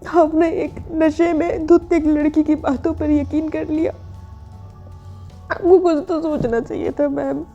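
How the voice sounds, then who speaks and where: A woman's voice: high voice, fairly even intonation, a little slow, dark tone, muffled recording, soft background music, pitched above the performer's own voice. A woman voicing an earnest pleading young employee. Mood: firm, apologetic. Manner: insistent, repetitive pleading.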